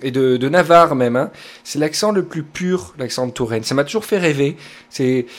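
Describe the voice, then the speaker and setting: A man in his thirties with a Southern French accent hosts a casual podcast. His delivery is rambling and anecdotal, with many digressions. His voice sits at an ordinary middle pitch. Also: moderate pace. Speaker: podcast host. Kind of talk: casual podcast chat presenting music.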